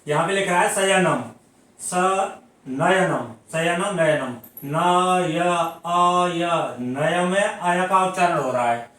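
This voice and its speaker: In another clip of the Hindi grammar lesson, his fairly high voice comes across a bit bright as he works through points slowly, asking questions and answering them. Example words get drawn out syllable by syllable, and heavy echo makes him sound far from the microphone.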